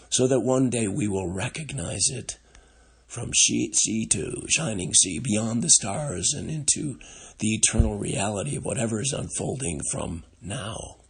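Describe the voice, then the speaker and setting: Frail, gravelly older man, very husky. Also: lowish voice. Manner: slow, contemplative, with long pauses. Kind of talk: gentle devotional reflection on scripture.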